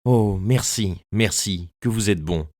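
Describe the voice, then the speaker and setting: A man's voice: fairly low pitch, takes it slowly, a little mellow, no echo, clean studio sound. A troubled, pleading young lady, as a man puts her on. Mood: anxious pleading. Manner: hesitant, anxious pleading. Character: troubled wealthy young woman, hypnotized, pleading.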